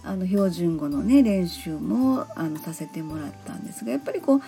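A woman from Osaka, Japan, speaking with a Kansai accent, hosts a casual solo talk show in a polite, chatty manner full of fillers. Her voice is fairly low, gravelly and mellow, delivered quickly and with animation over faint background music.

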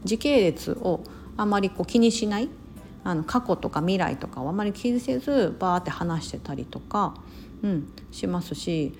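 A woman's voice: lowish voice, darkish tone. A woman from Osaka chatting casually on her podcast, full of fillers and self-corrections. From Osaka, Japan. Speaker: podcast host. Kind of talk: casual solo talk.

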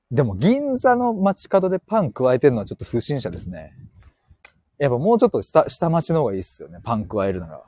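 A man's voice: medium pitch, dark tone, breathy edge, no room sound, studio quality. A man hosting a casual live stream, reading listener comments and joking with frequent laughter while he walks outdoors, speaking into an earphone mic. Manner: playful, laughs often, joking. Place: outdoors, walking.

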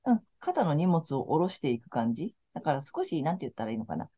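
A woman's voice: deep voice, very animated, fast, mellow. A woman tarot counselor in casual podcast chat, talking in a frank, laid-back, chatty way. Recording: slightly muffled lo-fi audio.

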